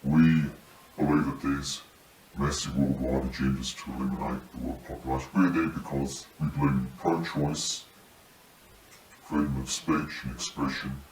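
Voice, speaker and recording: A man giving serious testimony as a paramedic whistleblower in measured, halting phrases, his voice electronically disguised to sound deep. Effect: disguised deep voice, electronically lowered. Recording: roomy echo, distant mic, faint noise.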